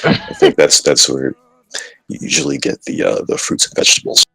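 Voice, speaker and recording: A man's voice: very deep voice, a little fast, vocal fry, pushed and bright, breathy edge, no echo, faint music behind, rough recording. A man hosting a podcast, joking and rambling in casual banter. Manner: joking, rambling, trash-talking. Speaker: podcast host.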